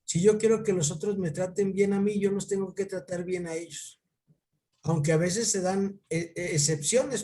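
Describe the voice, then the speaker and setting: This is a man leading a relaxed Bible lesson for a single student, heard through a video call. His voice sits high yet sounds soft and warm rather than bright. He talks haltingly, doubling words and turning to his listener by name. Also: a little hiss or hum. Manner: halting, repeats words while thinking. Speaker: Bible teacher. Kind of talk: informal one-on-one Bible lesson.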